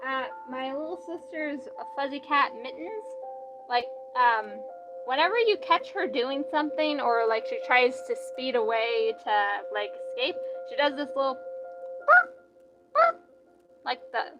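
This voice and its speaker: Young woman, streamer, high voice, rambling casual chat, lots of fillers, faint music behind. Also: unhurried, rough recording. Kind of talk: casual chat reading out live chat.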